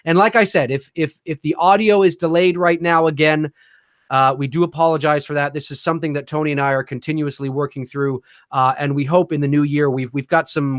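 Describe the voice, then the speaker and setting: A man's voice: medium pitch, dry recording, clean studio sound. A man in his late thirties co-hosting a live online chat show over a video call, rambling with lots of fillers and restarts. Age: 30s. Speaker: co-host. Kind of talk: casual live-stream chat.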